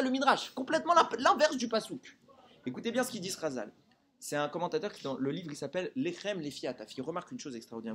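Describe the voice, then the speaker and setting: A man's voice: a little high, fairly bright tone, slightly rough. A man teaching a Torah lesson to a group, keeping listeners engaged with frequent rhetorical questions.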